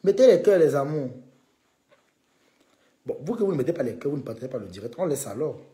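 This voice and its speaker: A man's voice: mid-range voice, lively intonation, fairly quick, warm tone, roomy sound. A man hosting a live stream, needling a rival and calling on his viewers in a combative way.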